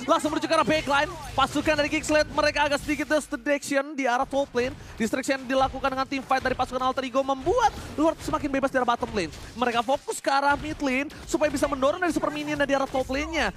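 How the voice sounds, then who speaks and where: A man with an Indonesian accent calls live esports action as a fighting game announcer. His voice sits extremely high for a man, and he delivers plays with dramatic, excitable force. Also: fast talker, hardly any pauses. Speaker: esports play-by-play caster.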